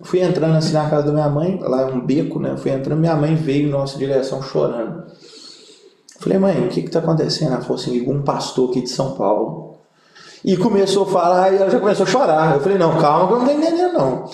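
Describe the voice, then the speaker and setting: Man, young adult, from Brazil, pastor, comic storyteller, slightly high voice, very echoey room. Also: fast talker, vocal fry. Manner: animated comic storyteller, acts out quoted voices. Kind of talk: casual storytelling interview.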